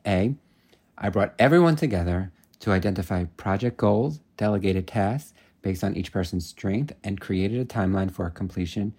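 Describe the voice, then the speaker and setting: Low husky man giving career tips. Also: normal speed, a little mellow. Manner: instructive, step-by-step. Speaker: career advice presenter. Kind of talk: scripted explanatory segment.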